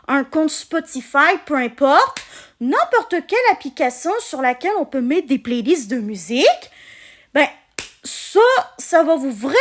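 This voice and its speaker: A woman with a Québécois French accent telling a personal story in a casual vlog, explaining things with halting pauses mid-sentence. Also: sits high. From Quebec, Canada. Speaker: vlogger.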